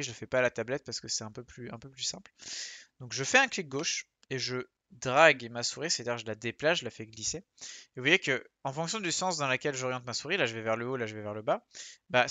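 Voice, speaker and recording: A man giving a screen-recorded sculpting software lesson, chatty and relaxed, with fillers and self-corrections. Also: medium pitch, no echo. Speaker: 3D sculpting instructor.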